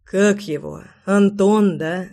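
A woman voicing a domineering male crime boss who speaks hoarsely and menacingly in an audiobook. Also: mid-range voice, slow, warm tone, close to an everyday voice. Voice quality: hoarse, growling.

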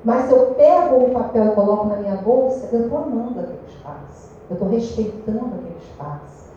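A woman with a Brazilian Portuguese accent giving a lively spiritual talk to a meeting group, questioning her listeners. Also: fairly high pitch, fairly quick, slight background noise. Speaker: speaker at a spiritist study meeting. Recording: echoey room, distant dull mic.

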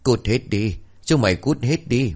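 A man's voice: medium pitch, lively intonation, unhurried, darkish tone, pitched above the performer's own voice. A man voicing a possessed woman who rants and shrieks curses. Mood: furious. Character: possessed raving woman, wild and menacing.

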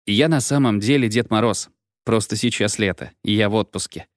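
A man's voice: lowish voice, brisk, no echo, lightly acted. A man reading an audiobook, giving a dry, irritated young man curt, grudging replies. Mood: wry. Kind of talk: audiobook character voice.

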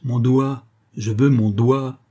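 A man's voice: medium pitch, moderate pace, mellow, husky, natural voice. A man reading a storybook, voicing a mad middle-aged male violinist who pleads and rages, urgent and raised. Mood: frantic.

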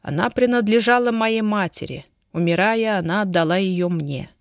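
A woman voicing a wealthy young husband, ardent but guarded, in a slow, low, even delivery. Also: dry recording, clean studio sound, close to an everyday voice. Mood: low, measured.

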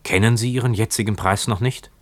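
Man putting on a scared young guy, breathy and half whispered, stammering, dry close sound. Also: on the low side, steady tone, a little fast, dry recording, pitched above the performer's own voice, lightly acted. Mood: gasping.

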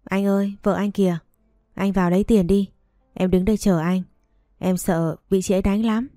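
A woman reading the lines of a brazen young mistress who taunts loudly. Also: mid-range voice, fairly even intonation, moderate pace, no room sound, clean studio sound, close to an everyday voice. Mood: taunting. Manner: taunting, brash.

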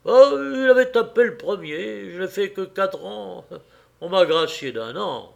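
A man's voice: sits high, animated, a little slow, vocal fry, voice pushed up, heavily acted. A man voicing a hulking young quarryman accused of a crime, talking in a thick, growling voice of helpless anger. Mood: ashamed.

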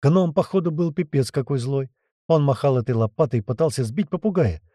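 A man reading an adventure story aloud as a narrator, in a lively storytelling manner. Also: on the high side, a little fast, no echo, clean studio sound. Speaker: audiobook narrator. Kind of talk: scripted narration.

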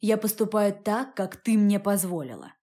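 A woman's voice: medium pitch, normal speed, warm tone, natural voice. A woman reading the lines of a cold, domineering wealthy man in an audiobook, speaking curtly. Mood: angry. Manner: curt and cold.

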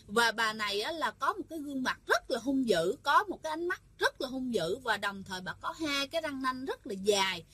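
A woman's voice: high-pitched, expressive, a little fast, hardly any pauses, pushed and bright, breathy edge, no echo. A woman, telling a ghost story in a chatty, casual way and speaking directly to her listeners.

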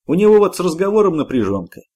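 A man's voice: high voice, sing-song, quick pace, dark tone, voice pushed up. A man voicing a brash, slangy young working man in an audiobook.

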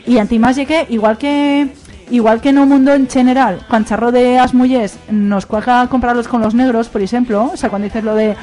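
Aragonese woman, fairly high voice, rambling and emphatic panel guest, faint music under. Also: steady tone, a little fast, dark tone. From Aragón. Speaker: radio show guest. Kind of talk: casual roundtable chat.

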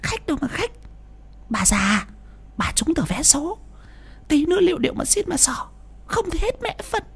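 Lady playing a nasty greedy daughter-in-law, snaps and yells, high pitched. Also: sing-song, moderate pace, vocal fry, full character voice. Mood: snapping angry. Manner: snapping, shrill, scolding.

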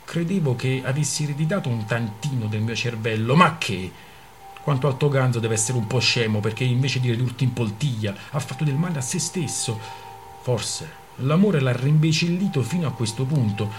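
A man reading aloud and voicing a gruff, greedy older father who scolds and mocks his daughter harshly. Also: medium pitch, normal speed, soft background music, close to an everyday voice. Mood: scornful. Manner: harsh, mocking, domineering. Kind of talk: audiobook reading.

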